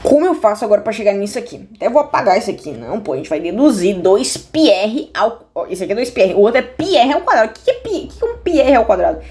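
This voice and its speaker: Brief: Brazilian woman math teacher, slangy and joking, mellow warm tone, lots of quick restarts and asides. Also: medium pitch, very animated. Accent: Brazilian Portuguese. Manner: slangy, joking, talks straight to viewers; restless, many restarts and asides. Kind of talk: casual video math lesson. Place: at a desk indoors.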